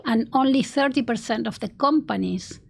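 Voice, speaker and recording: A fairly high-pitched woman's voice with vocal fry moves at a moderate pace. It comes from an Argentine marketing executive, a native Spanish speaker with that regional accent, who answers the interview earnestly with many restarts and gentle laughter.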